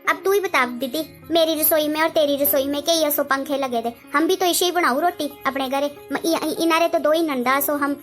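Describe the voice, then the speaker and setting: A woman's voice: sits high, normal speed, few pauses, fairly bright tone, faint music behind. A woman doing a sarcastic sister-in-law. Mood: taunting. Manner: scolding, sarcastic excuses. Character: sharp-tongued lazy sister-in-law, middle-aged woman.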